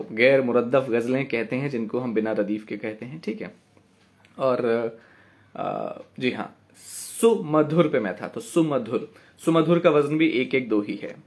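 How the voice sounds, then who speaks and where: Patient man teaching poetry meter. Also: medium pitch. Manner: patient, repeats words slowly to count syllables; checks in with students often. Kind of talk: online class lecture.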